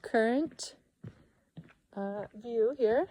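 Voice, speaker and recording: Chatty young woman, mellow voice, hiking. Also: on the high side, extremely slow, a little hiss or hum. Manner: chatty and rambling, self-mocking asides. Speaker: vlogger. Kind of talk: casual chat while hiking. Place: outdoors on a forest trail.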